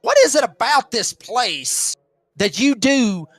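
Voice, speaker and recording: Male co-announcer, folksy rambler, high and bright. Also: big pitch swings, takes it slowly, no room sound. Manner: rambling, heavy with fillers, folksy. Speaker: racing league announcer. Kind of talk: casual race broadcast banter.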